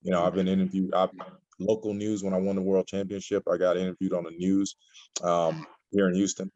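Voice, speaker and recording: A man's voice: deep voice, flat delivery, brisk, lo-fi sound, noisy background. A man in his forties from Nigeria, a guest chatting casually in an interview, rambling with many fillers. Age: 40s.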